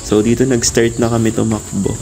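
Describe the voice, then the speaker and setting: A man gives casual vlog narration in a mid-pitched voice. He is unscripted and a little hesitant, pausing to find words, with soft music behind him. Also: little pitch movement.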